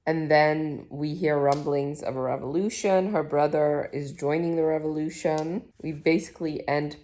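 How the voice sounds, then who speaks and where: A woman's voice: deep voice, steady tone, normal speed, dark tone. A young woman from Iraq, raised in the Netherlands, chatting to camera at home about the books she is reading, rambling with fillers and self-corrections. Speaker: book vlogger. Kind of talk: casual chat to camera. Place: at home on a couch.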